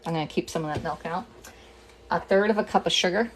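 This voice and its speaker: A woman's voice: lowish voice, fast, slight background noise. Chatty middle-aged woman cooking live. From Pennsylvania, US. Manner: chatty, talks through each step, greets viewers, jokes with herself. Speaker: cooking demonstrator and kitchenware consultant. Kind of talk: casual live-streamed cooking demo. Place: home kitchen.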